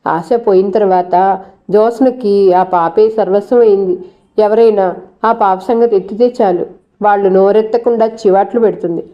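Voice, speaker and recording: A woman reading a novel aloud in a steady, measured storytelling style. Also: mid-range voice, dull audio. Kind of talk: audiobook narration.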